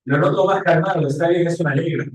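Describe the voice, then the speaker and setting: A man voicing a shrewd, talkative male police investigator who keeps urging the other to calm down. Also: on the high side, fast talker, natural voice. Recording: echoey room.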